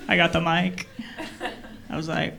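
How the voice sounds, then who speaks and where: A woman performing stand-up comedy stories in a deadpan, halting way, with pauses, to a laughing live audience. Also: lowish voice, gravelly. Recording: loud noise of audience laughter. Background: crowd laughter.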